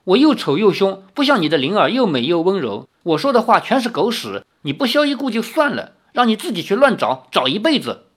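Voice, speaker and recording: A reader voicing a proud, sharp-tongued young swordswoman in an audiobook of a novel, mocking and quick to take offense. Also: mid-range voice, big pitch swings, breathy edge. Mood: indignant. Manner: quick-tempered, mocking and sulky. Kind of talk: audiobook reading.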